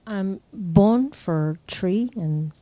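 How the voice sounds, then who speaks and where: A woman's voice: mid-range voice, extremely slow, dark tone, no room sound. A woman being interviewed as a bonsai expert, answering hesitantly with many fillers.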